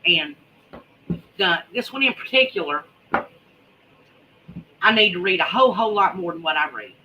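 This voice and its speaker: A woman's voice: fairly low pitch, expressive, normal speed, pushed and bright, a little hiss or hum, low-quality recording. A woman chatting casually to viewers in a folksy, drawling way, repeating words for emphasis. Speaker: host of a homesteading preparedness vlog. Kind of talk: casual livestream chat.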